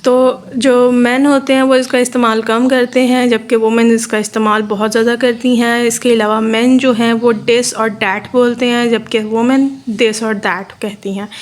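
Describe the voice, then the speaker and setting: A woman from Pakistan with a Pakistani accent, giving a steady, explanatory lecture and repeating her points. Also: fairly high pitch. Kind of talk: explaining a lesson in Urdu mixed with English terms.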